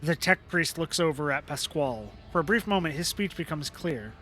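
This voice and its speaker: A man's voice: a little high, expressive, normal speed, bright, forceful tone, faint music behind. A young man streaming a game, reading its text aloud with casual joking asides.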